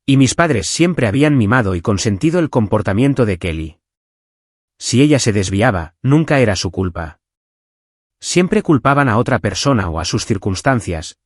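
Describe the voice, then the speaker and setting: A man narrating a scripted first-person revenge story in an expressive storytelling manner. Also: lowish voice, no room sound, studio quality.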